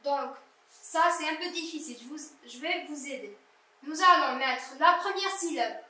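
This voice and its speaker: A woman teacher with a high, bright voice talks slowly and carefully, breaking words into syllables for young pupils. She is recorded in a very echoey room from some distance away from the microphone. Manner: slow, deliberate, sounding out syllables. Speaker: primary school teacher. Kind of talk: slow classroom lesson correcting exercises.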